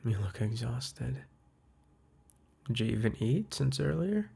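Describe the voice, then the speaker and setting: A breathy, husky-voiced man in a mid-range register plays a boyfriend apologizing to the listener, whispering tenderly into a close microphone. He takes it slowly with a sing-song lilt, sighing and restarting as he goes. It's an ASMR-style intimate roleplay delivered softly and hesitantly.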